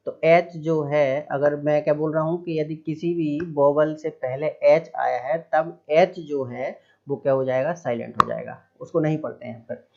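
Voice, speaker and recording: A man with a somewhat raised pitch walks through a spelling lesson one step at a time. He asks questions and answers them himself, often checking that his listeners follow. The sound is dull and lo-fi. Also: creaky, a little mellow. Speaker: English teacher. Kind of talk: spoken grammar lesson.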